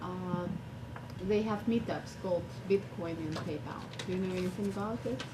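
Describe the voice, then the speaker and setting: A woman in the audience asking the panel a question, inquiring and slightly halting. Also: lowish voice, background noise.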